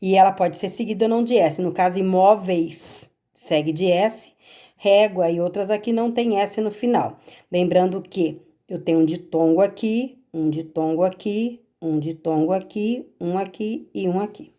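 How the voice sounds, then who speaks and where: A woman's voice: medium pitch, moderate pace, dark tone. A Brazilian woman teacher patiently going over homework corrections, explaining step by step and checking in with her pupils. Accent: Brazilian Portuguese.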